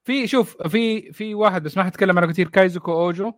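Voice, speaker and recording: Man, casual podcast host, relaxed, slightly higher voice, dry sound. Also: very fast, no room sound. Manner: relaxed, easygoing, laughs often. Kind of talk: casual chat about anime.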